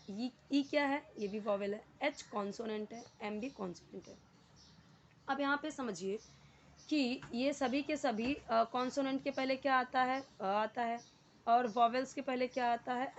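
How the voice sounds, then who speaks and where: A woman teaches English grammar step by step, in a fairly high voice. She repeats words patiently and keeps asking the listener questions. The recording sounds dull and lo-fi. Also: a little hiss or hum.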